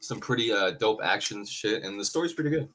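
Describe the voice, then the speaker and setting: A man's voice: on the low side, expressive, brisk, a bit bright. A young man on a livestream panel, talking in a laid-back way with loose slang. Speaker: panel guest. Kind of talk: casual chat.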